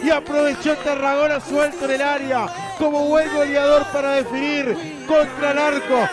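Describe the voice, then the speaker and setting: An Uruguayan man delivers breakneck goal commentary at a very high, strained-up pitch, holding it on one excited level. He is an impassioned, shouting football commentator. Loud music and crowd sit behind him. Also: moderate pace. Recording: music and crowd noise behind radio broadcast.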